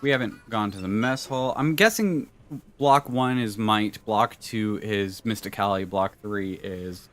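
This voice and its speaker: A man streaming a video game, talking casually in a rambling way and filling his pauses with "uh", with his pitch jumping up when he gets excited. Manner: rambling, many "uh" fillers. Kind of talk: casual let's-play commentary.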